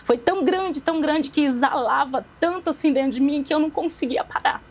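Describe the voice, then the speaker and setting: A woman's voice: high-pitched, a little fast, poor audio. A young woman giving a religious testimony as a podcast guest, repeating phrases for emphasis and acting out the dialogue she recalls.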